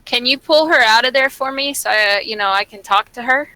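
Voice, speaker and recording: A woman's voice: on the high side, fairly quick, sharp tone, low-quality recording. A woman chatting casually as a player in a tabletop game, describing what her character does.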